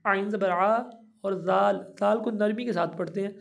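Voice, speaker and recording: A man teaching a Quran reading lesson, patiently spelling out each letter and vowel mark, with slow drawn-out recitation between explanations. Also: high voice, fairly even intonation, creaky.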